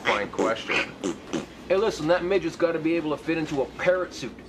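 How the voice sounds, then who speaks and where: A man's voice: a little high, expressive, a little fast, natural voice. An actor playing a demanding, self-important man in a comedy drama, speaking bluntly. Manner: blunt, insistent. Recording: noisy ambient background.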